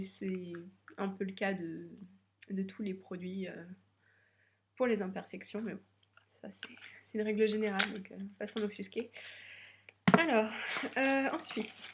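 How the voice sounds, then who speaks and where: Nervous in her first video, a young woman unboxes beauty products as a beauty vlogger, chatting casually but hesitantly with lots of fillers. A cold leaves her nose slightly stuffy. She has a medium-pitched voice, with slight background noise.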